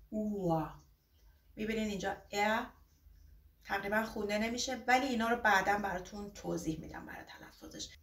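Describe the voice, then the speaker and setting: A woman teaching a beginner alphabet lesson, stretching out each example word slowly between quicker asides. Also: on the high side. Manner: slow, drawn-out example words, quick asides. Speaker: German teacher. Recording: roomy echo, distant from mic.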